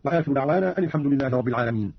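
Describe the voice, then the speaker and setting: A man teaching Quran recitation readings on the radio, in a measured, formal explanatory delivery with chanted examples. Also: medium pitch, expressive, vocal fry, slightly rough, dry recording. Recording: dull lo-fi radio recording.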